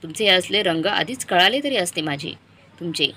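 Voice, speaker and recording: A woman's voice: mid-range voice, lively intonation, fairly quick, bright, forceful tone. A woman voicing an upset middle-aged wife and mother who pleads with and confronts her husband. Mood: upset pleading.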